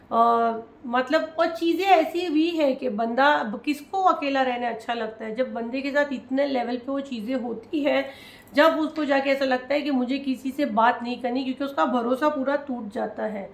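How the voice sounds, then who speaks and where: A woman with a somewhat high, gravelly voice gives a tarot reading to her viewers. She talks in an emotional, consoling way and addresses them directly. The sound is echoey, as if from a bare room. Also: normal speed. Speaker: tarot reader.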